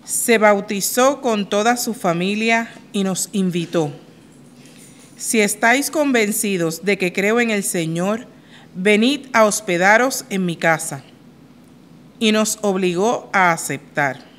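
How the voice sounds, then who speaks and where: Slow, solemn woman reading scripture. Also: medium pitch, a bit bright. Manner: solemn, deliberate. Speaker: lector at Mass. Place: church sanctuary at a lectern microphone, congregation present.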